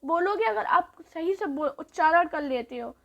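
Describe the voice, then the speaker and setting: Lady teacher with a really high voice, keeps repeating stuff, drags out the sounds so you can copy them. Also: expressive, vocal fry, a bit bright. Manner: repeats points, asks and answers her own questions; draws out sounds slowly. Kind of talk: grammar lesson.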